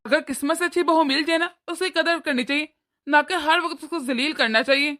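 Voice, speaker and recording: A woman doing an older cartoon father-in-law, calm and moralizing, with a high voice that stays bright and forward, patient and fatherly as he talks his wife through what went wrong. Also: a little fast. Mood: lecturing. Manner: lecturing, gentle moralizing. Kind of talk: cartoon voice acting.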